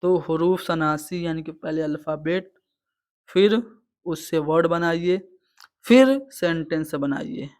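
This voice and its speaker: Man, tutor, fairly high voice, step-by-step explanations, exam-prep lesson. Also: takes it slowly, a little mellow. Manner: explains answers step by step, repeating "theek hai". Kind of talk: online exam-prep lecture.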